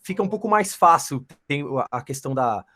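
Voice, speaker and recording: A man hosting a casual chat, talking haltingly and reaching for words. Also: a little high, animated, sharp tone. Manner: halting, many fillers and restarts.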